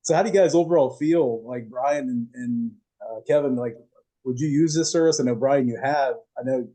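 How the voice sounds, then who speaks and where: A man's voice: mid-range voice, moderate pace, warm tone, low-quality recording. A man in his forties hosting a podcast, talking in a friendly, jokey way. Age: 40s. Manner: friendly, jokey, laughs easily. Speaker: podcast host. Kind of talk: casual podcast chat.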